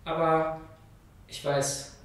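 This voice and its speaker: A man voicing a calm snake mother who speaks in a soothing but firm way. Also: fairly high pitch, drawn-out words. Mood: patient. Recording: very echoey room, mic far off.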